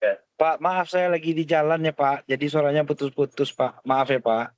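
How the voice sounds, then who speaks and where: A man joining an online class from the road, his voice coming through a choppy call connection that keeps cutting out. He talks slowly and apologetically. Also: fairly high pitch, fairly even intonation, no room sound. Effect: choppy, glitching call audio that breaks up. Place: outdoors on the road. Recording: muffled lo-fi call line.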